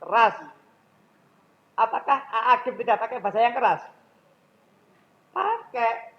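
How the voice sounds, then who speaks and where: Man, Javanese accent, high voice, mosque lecture, dull lo-fi recording. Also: normal speed. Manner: questions the audience directly. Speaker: public speaking trainer.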